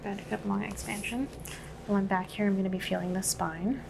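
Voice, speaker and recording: In an ASMR medical exam, a soft-spoken woman plays the examiner, calmly explaining each step and giving gentle instructions. Her mid-range voice is gravelly and her pace brisk, with background noise throughout.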